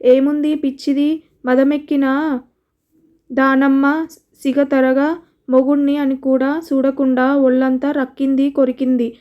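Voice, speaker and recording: A woman's voice: high voice, level tone, a little slow, pauses often, dull audio. A woman voicing an angry, impatient grown son who complains harshly in a storybook reading.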